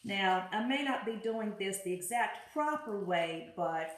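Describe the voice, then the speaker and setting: A woman's voice: mid-range voice, lively intonation, measured pace. A woman hosting a home cooking demonstration, chatting upbeat as she works and talking herself through each step. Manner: chatty, upbeat, thinks aloud while working. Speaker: cooking show host. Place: home kitchen. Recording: very echoey room with music behind.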